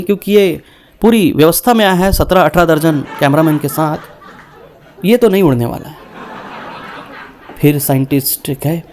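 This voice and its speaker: A young man performing a stand-up comedy set, acting out characters with big swings in his voice. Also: a little hiss or hum. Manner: animated, acts out characters with shifting pitch.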